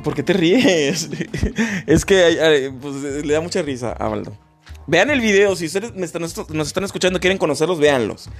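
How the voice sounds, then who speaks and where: A man's voice: fairly high pitch, expressive, normal speed, breathy edge, soft background music. A man hosting a podcast in casual chat, rambling with many fillers and restarts. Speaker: podcast host.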